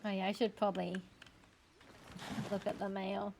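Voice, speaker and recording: A woman's voice: medium pitch, level tone, normal speed, gravelly, noisy background. An Australian woman doing casual livestream commentary while she plays a game. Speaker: livestreamer, VTuber. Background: music.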